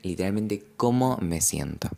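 Deep gravelly young Argentine man. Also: expressive, normal speed, dark tone. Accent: Rioplatense Spanish. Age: young adult. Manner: rambling, reflective, uses slang and filler; gestures and moves while talking. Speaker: podcast host. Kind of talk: casual confessional monologue.

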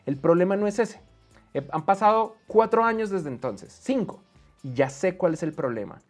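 A man hosting a podcast, giving blunt and animated opinions on technology and often swearing. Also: sits high, normal speed, soft background music. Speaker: podcast host. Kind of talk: opinionated tech commentary.

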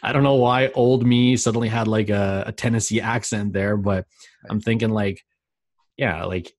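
Guy in his late 20s rambling on a podcast, kinda low voice, dry close mic, lots of "like". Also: fairly even intonation, normal speed, a little mellow, dry recording. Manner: rambling, lots of "like" fillers, laughs easily. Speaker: podcast co-host. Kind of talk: casual chat.

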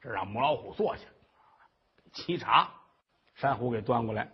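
Very husky animated male storyteller. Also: medium pitch, normal speed. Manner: animated, slips in and out of character voices. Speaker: comic storyteller. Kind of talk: comic storytelling performance. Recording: muffled lo-fi recording.

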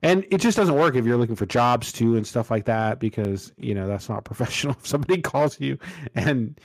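A middle-aged man rambles through his stories in a casual podcast chat, laughing as he goes. His voice sits at an ordinary pitch and sounds close and dry, with no room behind it. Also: expressive, a little fast, no room sound. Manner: rambling storyteller, laughs often. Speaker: podcast co-host.

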